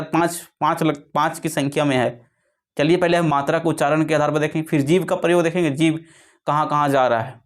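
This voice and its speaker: A man teaching a lesson, explaining step by step with frequent repetition and self-correction. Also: fairly high pitch.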